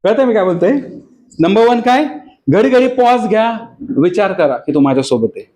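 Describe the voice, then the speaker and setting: A man's voice: high voice, expressive, normal speed, a little mellow, rough recording. A male pastor with a Marathi accent preaching a sermon, mixing in English phrases and often checking that listeners understand.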